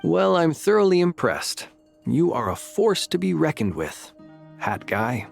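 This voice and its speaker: A man's voice: fairly high pitch, very animated, unhurried, vocal fry, soft background music, heavily acted. An actor playing a formal, courteous grown man in a video game.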